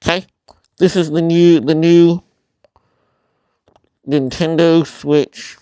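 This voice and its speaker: A man hosting a casual tutorial vlog, talking informally and haltingly through a mask that muffles his mouth, often apologetic. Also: on the high side, fairly even intonation, mellow, clear, resonant tone, dry recording, clean studio sound. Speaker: video host.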